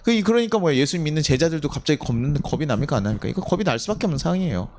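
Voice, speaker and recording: Korean male pastor preaching a lively sermon. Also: on the high side, racing, a little hiss or hum. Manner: storytelling preacher, asks the congregation questions and acts out quoted voices. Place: church sanctuary.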